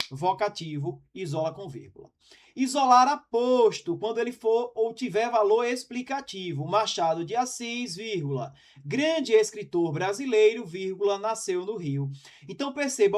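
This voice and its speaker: Brisk Brazilian man teaching grammar. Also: high voice. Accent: Brazilian Portuguese. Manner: brisk, explanatory, punctuated with pious asides. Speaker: exam-prep teacher. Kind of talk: online grammar lesson.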